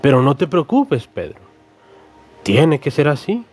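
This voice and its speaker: A man preacher voicing a calm, patient male teacher who warns his follower gently but firmly. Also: a little high, faint music behind. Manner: gentle but firm, measured warnings. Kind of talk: sermon storytelling with acted voices.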